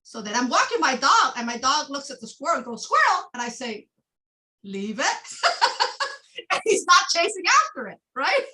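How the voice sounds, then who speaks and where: Meditation teacher, female, high and bright voice, animated, laughs often, restarts her sentences. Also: rough recording. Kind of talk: classroom teaching.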